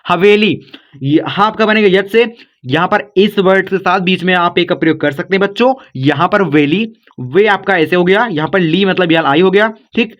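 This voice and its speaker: High-voiced man teaching spelling. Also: moderate pace, a bit bright, muffled recording. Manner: chatty, repeats "bhai" and "guys" to viewers. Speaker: online English teacher. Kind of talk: casual spelling lesson.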